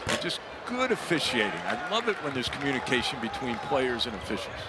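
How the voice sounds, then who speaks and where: A man's voice: mid-range voice, very animated, a little fast. A man giving chatty, folksy color commentary on a live basketball game. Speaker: color commentator, former coach. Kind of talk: conversational live basketball analysis. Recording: noisy arena, loud crowd behind.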